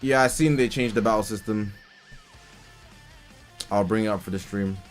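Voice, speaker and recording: A man's voice: fairly low pitch, normal speed, soft background music. A man live-streaming, talking casually, reading game update notes aloud and reacting, a little tired. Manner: chatty, reads patch notes aloud and reacts. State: tired, yawning. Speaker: livestreamer.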